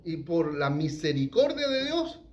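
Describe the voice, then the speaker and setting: A man's voice: a little high, big pitch swings, measured pace, darkish tone, muffled recording. A middle-aged man, teaching a sermon and asking the congregation questions. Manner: asks the congregation questions, frequent "¿ya?". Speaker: pastor.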